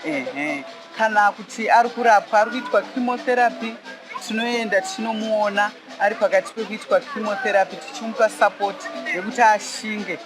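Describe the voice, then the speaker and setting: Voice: mid-range voice, fairly quick, over music, crowd noise. A support group volunteer speaking earnestly and steadily about visiting patients. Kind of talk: interview answer in Shona.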